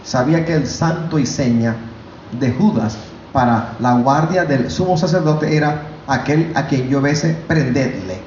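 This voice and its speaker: A man preaching a sermon, fervent, his voice climbing high when he voices God. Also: unhurried, reverberant, highs cut off, slight background noise. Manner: preaching, rising to loud fervent pitch when voicing God. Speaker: pastor. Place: church.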